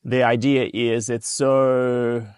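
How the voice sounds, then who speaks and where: Russian guy, 30s, thinks out loud with lots of ums, mid pitch, dry close sound. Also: little pitch movement, takes it slowly, smooth, dry recording. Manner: reflective, hesitant with frequent fillers. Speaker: podcast guest. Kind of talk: casual conversational storytelling.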